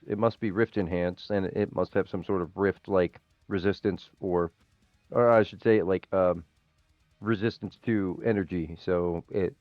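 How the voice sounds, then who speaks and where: Low-voiced man running a tabletop game. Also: no echo, highs cut off. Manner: loose, rambling rules explanations. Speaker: game master.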